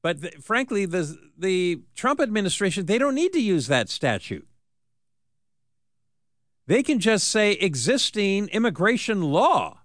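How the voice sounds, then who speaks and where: American male talk radio host, higher-set voice. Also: sing-song, unhurried, long pauses, a bit bright, no echo, studio quality. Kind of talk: unscripted talk radio commentary and chat.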